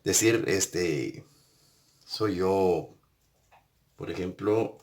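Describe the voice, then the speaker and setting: A man's voice: low voice, very slow, darkish tone. A man teaching an English grammar lesson, patiently repeating and spelling out each step. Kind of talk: recorded classroom lesson.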